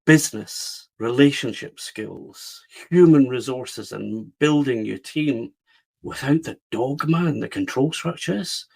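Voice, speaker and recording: His mid-range voice is slow, gravelly, darkish, and slightly rough. A middle-aged guest publisher from the west of Scotland with a local accent, he earnestly tells his story in a reflective interview, restarting frequently and repeating words.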